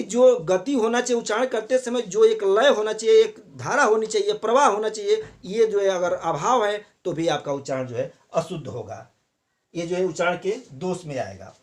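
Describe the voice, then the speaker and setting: A man teaching a college class, explaining points step by step and repeating filler phrases often. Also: high-pitched. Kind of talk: classroom lecture on Hindi pronunciation.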